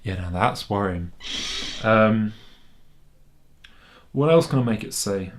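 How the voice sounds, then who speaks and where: A man's voice: lowish voice, expressive, slow. Wry British man reviewing a toy. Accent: British English. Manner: sceptical, wry and conversational. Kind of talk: casual review rant.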